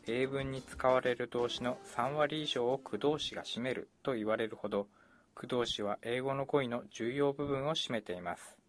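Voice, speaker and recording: A man narrating a scripted language lesson in a measured, explanatory way. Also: medium pitch, soft background music.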